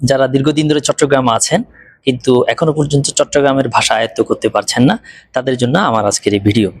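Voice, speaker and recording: Man, Chittagonian accent, husky voice, dry close sound, slow careful example phrases, casual video lesson. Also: mid-range voice, fairly even intonation, no room sound. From Chittagong, Bangladesh. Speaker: language teacher.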